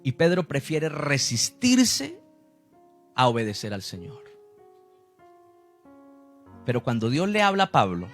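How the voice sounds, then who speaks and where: A man's voice: a little high, a bit bright. A man, preaching a sermon as a pastor, who acts out the people he quotes.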